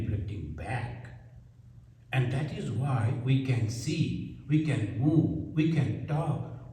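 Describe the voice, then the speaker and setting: A man with a Bengali accent teaching scripture, explaining slowly and repeating his phrases. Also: fairly high pitch, a little mellow, a little hiss or hum. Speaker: spiritual teacher. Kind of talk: scripture lecture. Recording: echoey hall from far off.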